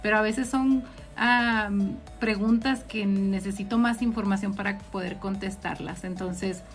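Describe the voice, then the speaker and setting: Faint music plays behind this woman from Ciudad Juárez as she hosts a casual live question-and-answer session, speaking plainly to listeners as an accountant with a northern Mexican accent. Her medium pitch is steady and her pace a little slow.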